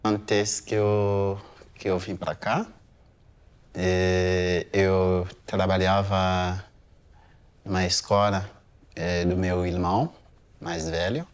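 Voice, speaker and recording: A man in his thirties from Haiti giving a hesitant museum testimony, pausing often with fillers. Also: deep voice, fairly even intonation, clear, resonant tone. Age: 30s. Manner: slow, hesitant, many pauses and fillers. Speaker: interviewee.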